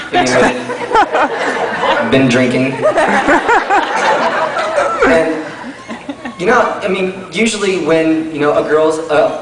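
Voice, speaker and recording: A young man giving a wedding toast, telling teasing stories about a friend in an informal, conversational way. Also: medium pitch. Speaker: wedding speaker, friend of the groom. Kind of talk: wedding toast, comic storytelling to guests. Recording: echoey room, far from mic, noisy.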